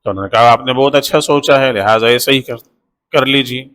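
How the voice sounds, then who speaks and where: A man giving a Quran lesson, explaining in a steady, repetitive way with many honorifics. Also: medium pitch, long reverb tail. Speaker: Quran teacher. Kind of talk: religious lesson.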